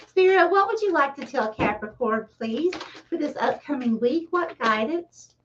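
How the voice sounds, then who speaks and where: High-voiced chatty woman reading tarot. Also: expressive, normal speed, fairly bright tone, a little hiss or hum. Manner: chatty, laughs often at herself. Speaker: tarot reader. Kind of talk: casual livestream reading. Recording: distant, slightly dull mic.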